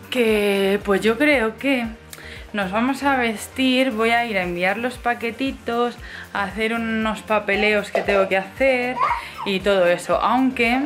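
A young woman from Spain, a mother chatting casually in a vlog, with frequent laughs and soft asides to her baby. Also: medium pitch. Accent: Spain Spanish. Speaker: vlogger mother.

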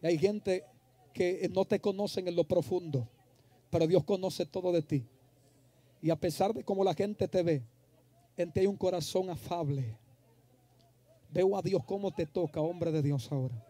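A male pastor leading a fervent deliverance prayer, commanding and hushing the crowd by turns. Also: high voice, moderate pace, pauses often, no room sound. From Dominican Republic. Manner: fervent, commanding, shouting and hushing, speaks in tongues. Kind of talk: deliverance prayer and prophecy at a service.

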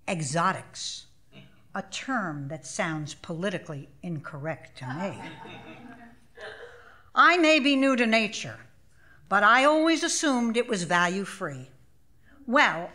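Onstage at a small theater, a medium-pitched author in her seventies performs a reading of her own literary essay for a live crowd. Using a stage microphone, she speaks slowly and expressively with wide-ranging intonation, measured pacing and a dry, wry wit.

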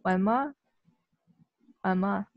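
A woman teaching English in a live online class. She coaxes the student and checks understanding with quick tag questions. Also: mid-range voice, no room sound. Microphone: video call. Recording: dull lo-fi call audio.

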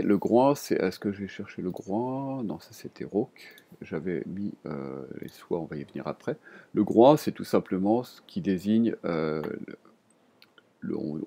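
A man teaching a vocabulary lesson to his students, talking in a relaxed, hesitant way with many fillers and restarts, recorded at his desk. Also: deep voice, breathy edge.

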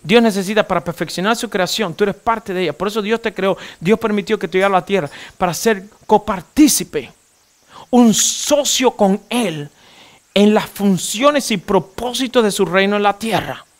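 A man preaching a fervent sermon as pastor, leading the congregation in repeating phrases and swinging from shouting to quiet. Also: sits high, brisk, hardly any pauses.

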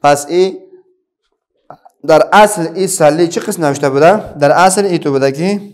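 The speaker is a middle-aged man with an Afghan Dari accent teaching young readers. His voice is on the high side, and he patiently asks questions before answering them himself.

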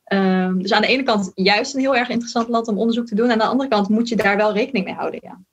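A woman's voice: mid-range voice, fast, breathy edge. Dutch woman physician, slightly muffled. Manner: careful, hedging, explains with many fillers. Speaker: podcast guest, physician in training. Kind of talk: casual conversation.

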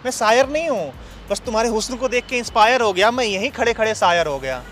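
A man's voice: high voice, animated, fast talker, fairly bright tone. A young man pranking a stranger outdoors, teasing her and reciting playful love couplets. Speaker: prankster host. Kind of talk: street prank banter. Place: outdoors in a park. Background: background music.

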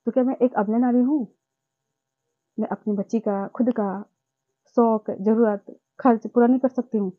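Speaking at a moderate pace with frequent pauses, this young woman keeps a steady tone in a voice on the high side. She's venting about her life in a personal vlog, repeating herself with impassioned indignation. There's no room sound, just a thin, phone-like tinniness.

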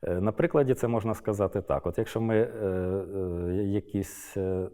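Man, middle-aged, lecturer, deep voice, halting delivery full of fillers. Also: fairly even intonation, warm tone. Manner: hesitant, many filler sounds and restarts. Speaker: Arabist lecturer. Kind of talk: unscripted lecture.

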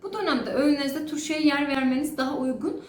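Give me a high-pitched woman dietitian explaining things formally and quickly, recorded in an echoey room. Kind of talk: informational advice to viewers. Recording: echoey room with faint noise.

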